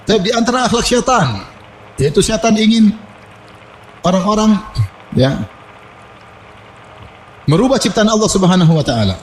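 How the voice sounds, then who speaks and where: A man delivers a sermon in a high voice. He preaches with animation, mixing humorous asides with recited Arabic verses. Faint background noise sits under the recording. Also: lively intonation, normal speed, long pauses. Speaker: Islamic preacher.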